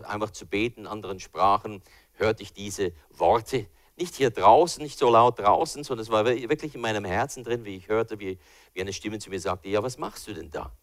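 An older man preaching a sermon with personal testimony, swinging between hushed and loud and acting out voices. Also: mid-range voice, no room sound.

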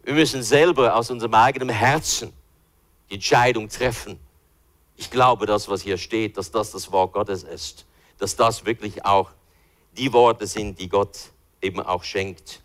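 A man's voice: fairly low pitch, measured pace, fairly bright tone. A man teaching from the Bible in an informal, conversational way, thinking aloud as he looks for verses. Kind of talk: informal Bible study talk.

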